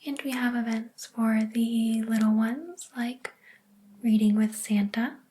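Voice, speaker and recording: A woman whispering slowly and breathily in a soft ASMR whispered role-play as a gentle, helpful librarian. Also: on the high side, fairly even intonation. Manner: slow, gentle, hushed.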